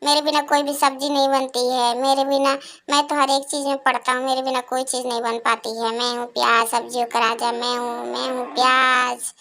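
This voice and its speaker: A cartoon onion with a very high, bright voice. He is cocky and rude, and taunts the others. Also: monotone, fairly quick, gravelly, clear, resonant tone, exaggerated voice. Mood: taunting. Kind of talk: cartoon voice acting.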